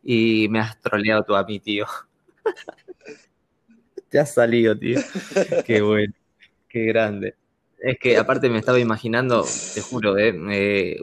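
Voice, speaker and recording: A man telling anecdotes in a casual chat, animated and laughing often. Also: fairly low pitch.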